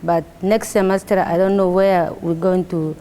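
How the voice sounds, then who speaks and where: A woman from South Sudan with a South Sudanese accent, an adult education student who speaks English as a second language, talking haltingly about her classes and repeating words as she searches for them. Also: on the low side, steady tone, mellow. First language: not English. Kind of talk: interview testimony.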